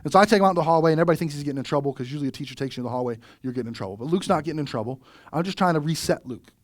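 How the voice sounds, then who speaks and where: A man preaching a sermon as pastor, telling stories in a conversational, animated way and often asking "right?". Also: on the high side, racing, dry recording, studio quality.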